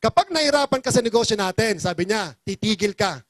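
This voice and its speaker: High-voiced pleading Filipino man. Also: expressive, fast talker, no echo. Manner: emotional, pleading, rousing crowd. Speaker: speaker at a business forum. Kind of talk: motivational testimony speech.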